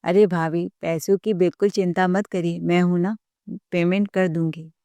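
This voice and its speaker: A woman's voice: lowish voice, fairly even intonation, normal speed, dark tone, no echo, natural voice. A woman doing a bold young bride. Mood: insistent. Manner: frank, insistent. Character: bold, kind young daughter-in-law.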